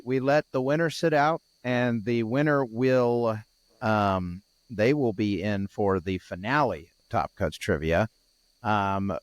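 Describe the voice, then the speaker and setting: A tired podcast co-host chats casually in a groggy, scratchy voice, rambling, restarting sentences, and leaning on fillers. He has a medium pitch and clean tone, with no echo.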